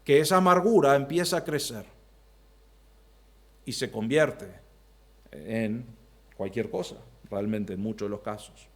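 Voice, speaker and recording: A man preaching an expository sermon from the pulpit in an Argentine Spanish accent, swinging from loud bursts to quiet low asides. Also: unhurried, pauses often. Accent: Rioplatense Spanish. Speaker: pastor.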